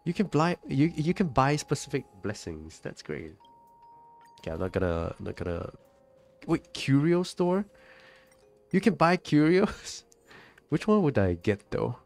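Brief: male streamer with a cold, nasal and congested, relaxed and chatty, a touch low, faint game music underneath. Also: gravelly. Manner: relaxed, chatty, reading out viewer comments. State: sick with a stuffy nose and cough. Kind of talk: casual live-stream chat while gaming.

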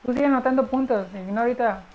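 A woman's voice: a little high, very fast, narrow, tinny audio, slight background noise. A woman, chatting casually while streaming a game and coaching a partner with repeated encouragements. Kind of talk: casual gameplay chat.

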